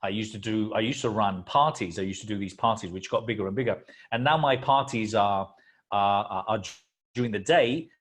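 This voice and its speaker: A man's voice: fairly low pitch, brisk. A man from Spain, hosting a stage interview in an effusive, eager way. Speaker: host and founder. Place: convention expo venue.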